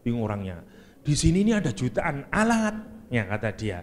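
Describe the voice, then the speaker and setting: Lively Javanese-accented male preacher. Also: medium pitch, fairly quick, slight background noise. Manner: lively, joking, mixes Javanese and English words. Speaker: Islamic preacher. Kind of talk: Quranic exegesis lecture.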